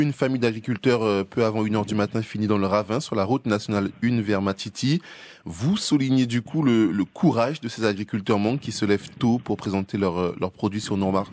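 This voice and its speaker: A man hosting a radio interview, asking measured questions with occasional fillers. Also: lowish voice, a little mellow, slight background noise. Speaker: radio host.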